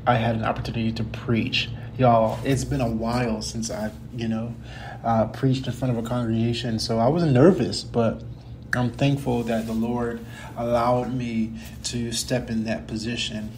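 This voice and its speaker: A man's voice: medium pitch, level tone, normal speed, darkish tone, slight background noise. A young adult man from the United States with a slight cold, hosting his own podcast in a casual, earnest way, rambling and correcting himself as he talks. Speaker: podcast host. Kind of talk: casual personal talk.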